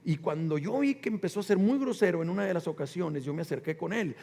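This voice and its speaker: Mexican male pastor, lively sermon delivery with call-and-response, gravelly voice in a long-reverb hall. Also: high voice, quick pace. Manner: animated preaching with call-and-response and acted quotes.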